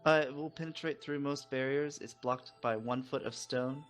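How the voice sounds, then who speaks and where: A man with a mid-range voice talks through his moves in a tabletop game. He is casual and halting, feeling for the right word. Soft music plays in the background. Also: mid-range voice, steady tone.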